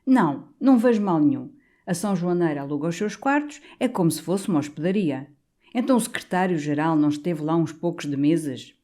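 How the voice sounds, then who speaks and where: A man's voice: a little high, a little fast, natural voice. A woman doing a jovial gossipy old canon. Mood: animated, confiding. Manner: animated, confiding, doting. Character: jovial portly older male canon, gossipy.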